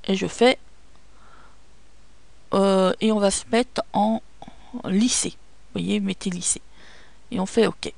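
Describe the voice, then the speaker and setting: A woman with a French accent guiding viewers step by step through photo editing software, patient and hesitant, with many fillers. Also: medium pitch, fairly even intonation, slow pace, vocal fry, pauses often, no room sound. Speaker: software tutorial presenter. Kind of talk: screen-recorded photo editing tutorial.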